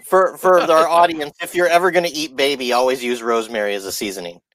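A man co-hosting a podcast, making crude jokes in a deadpan way during casual chat. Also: fairly high pitch, fast. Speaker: podcast co-host.

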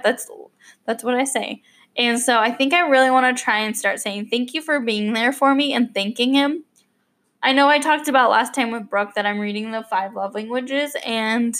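A young woman with a fairly high, fairly bright voice hosts an unscripted, casual podcast monologue. She rambles with many fillers and restarts and sounds a little choked up.

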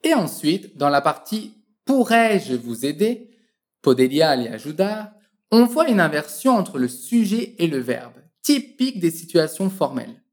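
A woman teaching a French lesson, encouraging the listener and drilling phrases slowly and precisely for them to repeat. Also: deep voice, big pitch swings, a little mellow.

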